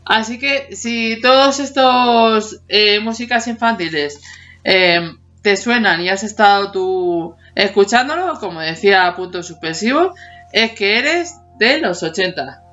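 The co-host, a woman in her forties, chats casually on a podcast about TV songs from childhood, often laughing and humming pieces of old tunes. Her mid-range, slightly bright voice has lively intonation and an unhurried pace; the audio is dull and lo-fi with faint music behind.

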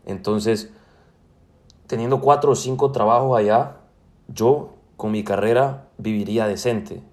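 A young man in his twenties speaks with a Salvadoran Spanish accent, his voice sitting fairly low. He answers interview questions casually, pausing often on fillers and restarting his phrases. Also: darkish tone. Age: 20s. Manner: hesitant, many fillers and restarts. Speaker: student guest.

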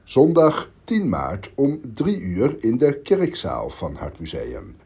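A man hosting a podcast, reading out upcoming museum events over suddenly low-quality, distant-sounding audio. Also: warm tone, husky, dull audio. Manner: reads out a list of dates and events. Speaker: podcast host.

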